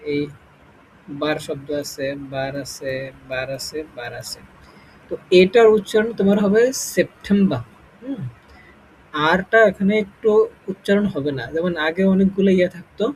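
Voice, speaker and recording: A man's voice: high voice, a little mellow, a little hiss or hum, rough recording. A man teaching English in a casual online lesson, explaining step by step and often checking whether the students follow.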